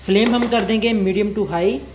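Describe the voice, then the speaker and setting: A man's voice: high-pitched, fairly quick, slight background noise. A young man hosting a cooking channel, explaining a recipe step by step in a polite, formal way with religious greetings.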